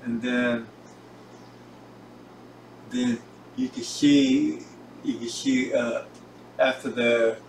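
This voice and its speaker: An off-mic man speaks haltingly, in piecemeal phrases, with a steady, mid-range voice as he films a casual tour of his own gear in his indoor home recording room. His camera sits on a tripod some distance away, so the audio is roomy, echoey, distant, and hissy.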